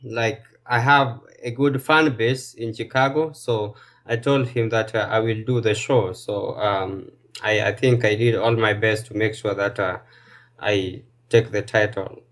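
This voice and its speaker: A man from Kenya, a guest in a casual interview, speaking hesitantly with many fillers and pauses. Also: fairly low pitch, fairly even intonation, fairly bright tone. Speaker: guest bodybuilder and personal trainer.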